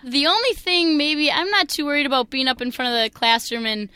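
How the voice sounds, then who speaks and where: A young woman from Minnesota with a Minnesotan accent, answering interview questions as a new teacher, energetic and earnest. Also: high voice, brisk, no room sound.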